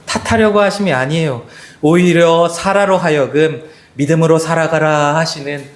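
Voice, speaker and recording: Impassioned preacher in an echoey church. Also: male voice, moderate pace. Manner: impassioned preaching, swings high and low, acts out quoted voices; addresses the congregation directly. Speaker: pastor. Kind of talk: Sunday sermon. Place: church sanctuary.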